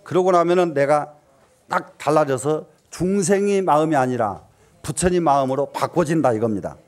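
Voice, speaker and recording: A man's voice: a little high, normal speed. Emphatic Buddhist preacher man. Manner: asks the audience questions, answers himself; emphatic rises, then drops into soft asides. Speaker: Buddhist teacher. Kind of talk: Buddhist dharma talk.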